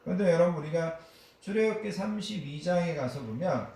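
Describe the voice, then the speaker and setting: A man's voice: fairly high pitch, animated, brisk, gravelly, dark tone, slight background noise. A man preaching a Sunday sermon as pastor, talking through Bible passages with frequent fillers and acting out the quoted prayers. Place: church sanctuary. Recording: very echoey church sanctuary.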